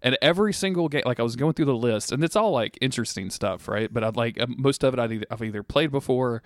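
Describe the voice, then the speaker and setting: A man's voice: medium pitch, quick pace, no echo, studio quality. A man in his thirties co-hosting a podcast, rambling and swearing freely in casual chat with lots of fillers. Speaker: podcast co-host.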